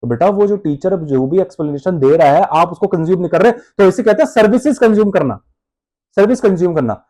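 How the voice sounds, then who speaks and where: Animated high-voiced teacher. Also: male voice, fairly quick. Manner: animated, addresses students as beta, plays student answers himself. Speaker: accounting teacher. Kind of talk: classroom lecture.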